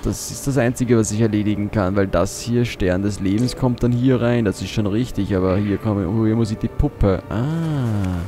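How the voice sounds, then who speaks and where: A man's voice: lowish voice, normal speed, few pauses, dark tone, soft background music. A man giving casual gameplay commentary as a let's play host, muttering to himself as he thinks aloud.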